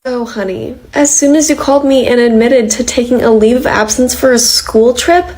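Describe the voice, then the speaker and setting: A woman's voice: a little high, moderate pace, darkish tone, close to an everyday voice, rough recording. A woman voicing a vengeful, condescending female upper manager in a comedy cartoon. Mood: smug. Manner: sugary condescending. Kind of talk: animated comedy dialogue.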